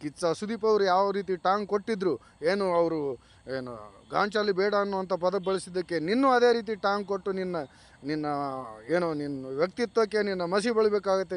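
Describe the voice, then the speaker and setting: High-voiced man scolding in commentary. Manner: scolding, lecturing tone addressed directly to a contestant. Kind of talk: reality show commentary.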